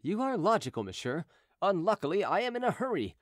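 A male narrator voices a courteous gentleman fugitive in storybook-style audiobook dialogue, politely insistent, persuasive and evasive. His pitch is raised and animated, his delivery brisk, and the sound dry and close with no room sound.

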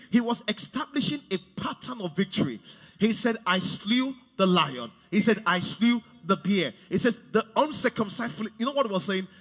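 A man in his forties preaching a sermon on a large church stage, swinging from hushed to loud. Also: sits high, long reverb tail. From Nigeria. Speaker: pastor.

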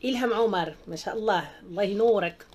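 A woman's voice: medium pitch, quick pace, a little mellow, a little hiss or hum. A woman with a Moroccan accent hosting a live stream, reading viewer comments and speaking out in an emphatic, outspoken way. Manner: outspoken and emphatic, with repeated exclamations.

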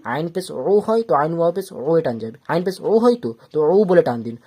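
Here a Quran reading lesson is taught by a voice in the mid range, very animated and fast, somewhat mellow and husky. Letters are patiently spelled out syllable by syllable, with the long vowels drawn out. Every step gets repeated, and understanding is checked along the way.

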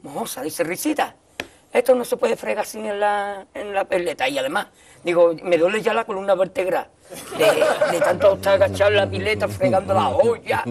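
Gravelly high-voiced middle-aged man. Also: brisk, crowd noise. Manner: lively storyteller acting out quoted dialogue. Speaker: talk show guest. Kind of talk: anecdote told in a TV interview. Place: TV studio set with a desk. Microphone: desk microphone.

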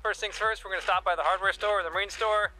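A man's voice: high-pitched, steady tone, quick pace, sharp tone, soft background music. A man in his thirties vlogging outdoors with a camera at arm's length, upbeat and explanatory with dry humor. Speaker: travel vlogger. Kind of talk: casual vlog narration. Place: outdoors on a sunny island street. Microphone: handheld camera at arm's length.

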